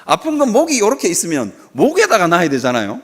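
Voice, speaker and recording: A man's voice: high voice, huge pitch swings, quick pace, breathy edge. A male pastor preaching a sermon at a Friday worship service in a church. He tells stories with animation and asks rhetorical questions.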